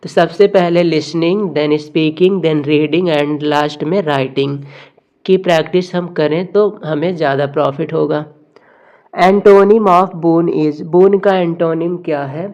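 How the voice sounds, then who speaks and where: A woman teacher, going through exam questions, reading the slowly and explaining in Hindi. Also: sits low, fairly even intonation, a little mellow, highs cut off. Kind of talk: exam MCQ lesson.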